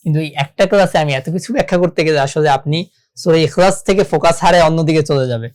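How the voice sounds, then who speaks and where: A teacher with a Bangladeshi Bengali accent leads an online lesson on reciting the Quran. They go through each rule patiently and pose questions to the class before answering them. When they quote a verse, they slow right down and draw out the sounds. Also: mid-range voice, darkish tone.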